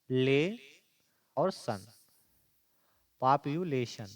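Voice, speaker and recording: A man's voice: mid-range voice, no echo. Male teacher, mid-range voice, explains exam answers step by step and repeats the key points. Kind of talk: exam-prep lesson.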